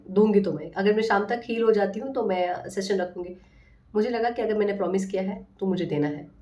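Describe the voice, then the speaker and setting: A woman healing coach talking casually to viewers in a soft, affectionate and earnest way. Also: medium pitch, far from the mic. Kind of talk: casual motivational talk to viewers.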